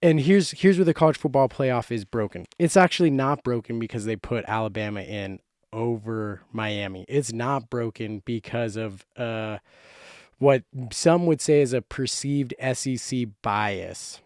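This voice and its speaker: A man's voice: medium pitch, a little slow, darkish tone, no room sound, clean studio sound. A man hosting a YouTube sports show from a closet, giving casual, slangy, emphatic commentary in a monologue. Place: small closet indoors.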